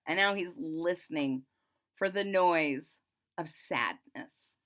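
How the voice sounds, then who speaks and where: A woman reads a children's story aloud expressively, adding simple casual asides that explain it as if to young children. Her voice is lowish and fairly bright, and she takes it slowly.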